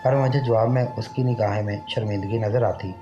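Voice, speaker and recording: A man narrating an emotional first-person story in an earnest, steady reading voice. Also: lowish voice, brisk, music in the background. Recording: dull lo-fi recording.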